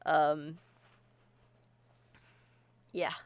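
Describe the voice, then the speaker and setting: Low-voiced woman streamer, breathless and rambling. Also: level tone, drawn-out words, no room sound. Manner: rambling, scattered, laughs often. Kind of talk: casual livestream chat.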